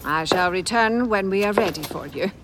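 A man voicing a stern, brisk older female witch teacher in an audiobook, with a crisp, commanding delivery. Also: sits high, lively intonation, background noise, pitched above the performer's own voice. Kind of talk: audiobook character voice.

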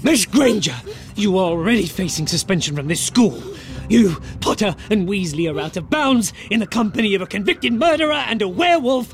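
A man's voice: sits high, animated, voice pushed up. A man voicing a cold, menacing male professor who sneers and breaks into shrieks. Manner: sneering, slow, erupts into shrieks.

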